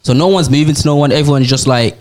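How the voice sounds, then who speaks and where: A man's voice: fairly high pitch, fast, darkish tone. A young man with a London roadman accent hosting a casual group chat in slangy street talk. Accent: London roadman, urban slang. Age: young adult. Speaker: host.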